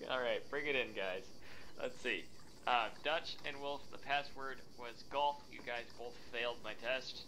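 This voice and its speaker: Relaxed man leading a gaming voice chat. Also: medium pitch, a little slow. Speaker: gaming group leader running practice. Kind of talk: casual voice chat. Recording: noisy voice chat audio.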